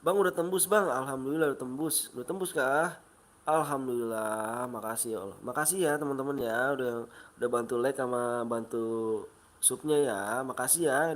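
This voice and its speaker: A man with a Betawi Jakarta accent, sick with a cold, chatting casually while livestreaming a mobile game, reading viewer comments aloud and counting down quickly. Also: mid-range voice. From Indonesia.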